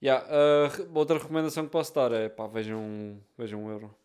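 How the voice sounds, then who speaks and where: Clear-voiced young man, European Portuguese accent. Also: medium pitch, flat delivery, brisk, darkish tone. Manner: slangy, peppered with English words. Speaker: podcast co-host. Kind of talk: casual chat between friends.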